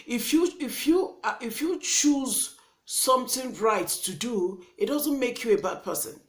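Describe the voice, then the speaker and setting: Speaking directly to the camera, a young Nigerian-accented vlogger delivers an impassioned, indignant monologue. Her voice sits a little high and is expressive and unhurried, and she keeps repeating and restarting her words in earnest.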